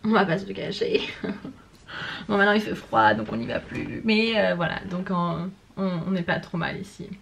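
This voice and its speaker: A young French woman with a French accent, chatting casually to camera in a vlog, slangy and quick to laugh. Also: on the low side, gravelly, fairly bright tone, slight background noise. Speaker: vlogger.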